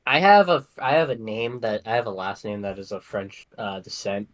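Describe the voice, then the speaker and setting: A man's voice: fairly low pitch, fairly even intonation, normal speed, a crowd in the background. A man speaking as a player in a tabletop role-play game, rambling with many hesitations and fillers.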